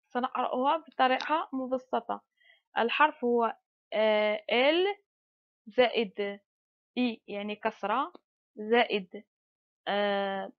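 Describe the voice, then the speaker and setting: A woman teaching French to beginners, slowly spelling out syllables and mixing Arabic with French. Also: on the high side, lo-fi sound. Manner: slow and patient, drawn-out letter sounds, mixes Arabic and French. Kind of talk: slow spoken lesson, spelling out syllables.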